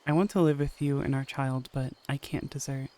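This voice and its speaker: A man reading an earnest young soldier, flat and dark. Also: medium pitch, fairly quick, close to an everyday voice. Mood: pleading. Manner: pleading, earnest. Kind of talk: audio story reading.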